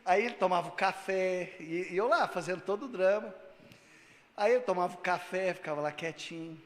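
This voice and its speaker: Brazilian Portuguese-speaking pastor preaching in an echoing hall. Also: male voice, normal speed. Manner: swings from loud preaching to low, quiet storytelling. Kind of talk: sermon.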